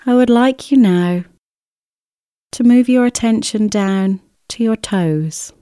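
A woman guides a relaxation exercise in a mellow, smooth voice. She moves very slowly through each scripted instruction, gentle and soothing, leaving unhurried pauses. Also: fairly high pitch, dry recording, studio quality. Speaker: relaxation therapist guiding an exercise. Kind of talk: scripted guided relaxation, body scan meditation.

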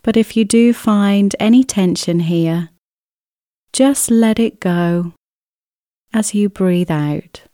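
A woman guides a relaxation exercise in a mellow, smooth voice. She moves very slowly through each scripted instruction, gentle and soothing, leaving unhurried pauses. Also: mid-range voice, no echo, clean studio sound. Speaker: relaxation therapist guiding an exercise. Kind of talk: scripted guided relaxation, body scan meditation.

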